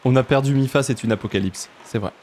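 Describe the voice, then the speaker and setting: A man with a southern French accent, chatting casually and jokily while playing a game, often jumping up in pitch for emphasis. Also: fast, a little mellow, a little hiss or hum. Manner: chatty, jokey, jumps to high pitch for emphasis. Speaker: let's play streamer. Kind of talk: casual gameplay commentary.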